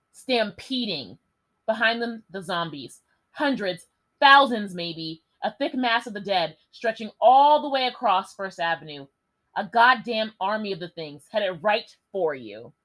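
A young woman hosting, reading a gamebook aloud with lively delivery and swearing, joking asides. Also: mid-range voice, a little slow, low-quality recording. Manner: lively, swears and jokes between passages. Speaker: host.

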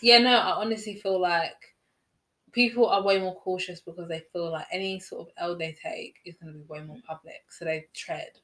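A woman in casual chat with her sister, relaxed and agreeable, thinking aloud with fillers. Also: fairly low pitch, normal speed. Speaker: co-host, sister.

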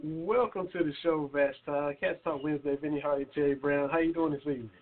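A man hosting a sports talk show, relaxed and welcoming as he introduces a guest. His voice is a touch high for a man. It comes through thin and phone-like. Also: quick pace. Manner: easygoing, affirming, introduces guests. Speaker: host. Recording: phone-quality audio.

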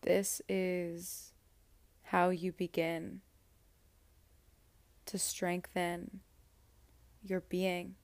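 A woman guiding a meditation in a slow, soft, soothing voice with long pauses. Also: lowish voice, level tone, no echo. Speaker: meditation guide. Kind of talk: guided meditation.

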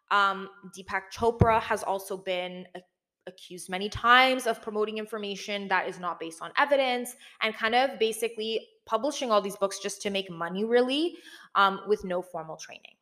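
A woman's voice: medium pitch, a bit bright. A young adult woman gives casual, conversational commentary as a video host, sprinkling in "like" and "again", recorded in a big, sparsely furnished room that echoes. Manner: informal, conversational, frequent "like" and "again".

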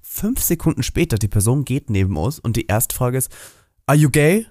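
A man's voice: medium pitch, brisk, no echo, studio quality. Guy co-hosting a podcast, tells stories with a lot of up and down, mixes in english. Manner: animated storyteller, mixes English phrases. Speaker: podcast co-host. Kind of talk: casual chat.

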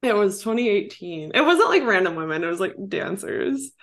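A woman's voice: medium pitch, sing-song, normal speed. Giggly twenties woman hosting a podcast, chatty, lots of "like". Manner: giggly, says "like" a lot. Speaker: podcast host. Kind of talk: casual chat.

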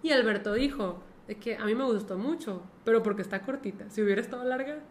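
Mexican woman chatting on a podcast, a bit high-pitched, says aja a lot. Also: quick pace, slight background noise. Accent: Mexican Spanish. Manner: chatty, frequent "ajá" backchannels. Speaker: podcast co-host. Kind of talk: casual chat, storytelling.

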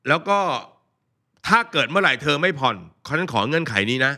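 A man's voice: on the high side, animated, fairly quick, bright, forceful tone. A man co-hosting a podcast as a money coach, chatting casually and joking, sometimes acting out quoted lines.

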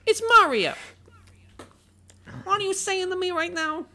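Brash squeaky cartoon plumber, sharp bright tone, exaggerated accent. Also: male voice, measured pace, full character voice. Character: brash shouty male plumber impression, loud and cocky.

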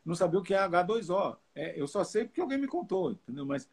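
A man's voice: high-pitched, very animated, fast talker, a little mellow, breathy edge. A man who translates song lyrics, talking casually in an interview with many restarts and hesitations. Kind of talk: casual video call interview.

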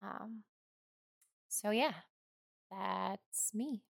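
A woman's voice: medium pitch, very slow, creaky, no room sound. Easygoing young woman co-host, dry sound. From Oregon. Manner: easygoing, lots of ums. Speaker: podcast co-host. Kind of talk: casual chat.

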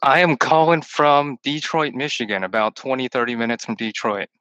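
A man from Texas, a returned missionary whose first language is Chinese, rambles long-windedly as a podcast guest in a casual chat over a call-in line. His mid-range voice is bright and forceful at a moderate pace, with no room sound, in a low-quality recording.

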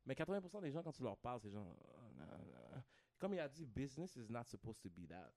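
A man's voice: medium pitch, very animated, fast, darkish tone. A man with a Quebec French accent, chatting on a podcast as a guest, mixing English slang into his French and often asking "tu comprends?". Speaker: podcast guest, content creator. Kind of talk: casual podcast chat.

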